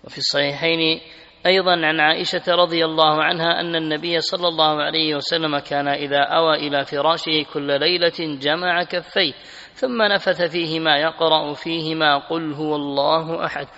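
A man reading a religious text aloud in a measured, formal way. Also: a little high, little pitch movement, bright, forceful tone. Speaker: reader of the text. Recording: reverberant hall, dull lo-fi sound.

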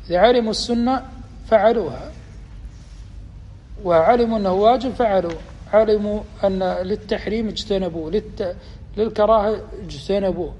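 Man, religious teacher, explanatory lecture, quizzing students, fairly high voice, faint room ambience. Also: a little mellow, a little hiss or hum. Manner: deliberate, quizzes his students. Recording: long reverb, faint ambience.

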